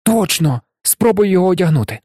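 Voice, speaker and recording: A man voicing an eager, excitable young boy who squeals when thrilled. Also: high-pitched, a little fast, dry recording, studio quality, pitched above the performer's own voice. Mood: excited.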